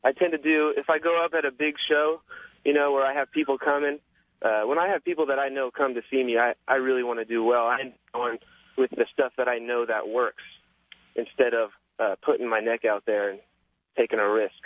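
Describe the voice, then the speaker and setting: Hesitant caller on a tinny phone line. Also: male voice, medium pitch, steady tone, brisk, no room sound. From Japan. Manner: hesitant, rambling, full of fillers. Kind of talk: phone-in conversation.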